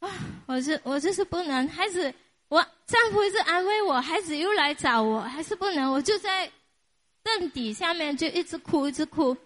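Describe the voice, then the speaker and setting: A woman with a high voice tells her personal faith testimony. She speaks in halting bursts, with fillers and small nervous laughs, and repeats words for emphasis. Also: lively intonation, fairly bright tone. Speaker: church member giving a testimony.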